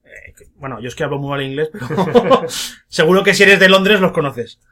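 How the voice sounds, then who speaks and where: A man's voice: a little high, lively intonation, moderate pace, sharp tone. A man from hosting a casual film podcast, joking as he tells a story and putting on silly voices for quotes. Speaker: podcast host.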